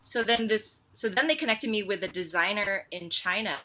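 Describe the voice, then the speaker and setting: An American woman, an education technology director, telling stories in a casual interview with lots of quoted asides and fillers. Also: medium pitch. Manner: animated storyteller, quick with fillers and quoted asides. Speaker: edtech director, podcast guest.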